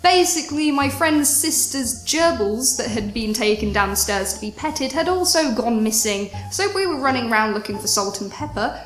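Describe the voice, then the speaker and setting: Speaking at a normal pace with few pauses, this young woman vlogger has a slightly high, animated voice as she recounts a wild party with theatrical frustration. Faint music plays in an echoey room.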